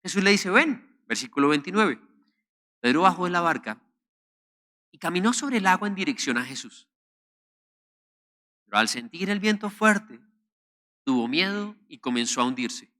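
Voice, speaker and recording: A man preaching a sermon, emphatic and repeating words, moving between loud stresses and soft low phrases. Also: animated, normal speed, pauses often. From Colombia. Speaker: pastor.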